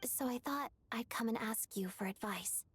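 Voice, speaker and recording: An actress voicing a polite, reserved young woman in a video game, with a calm, earnest and softly formal manner and a husky voice. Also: fairly high pitch, moderate pace, no echo.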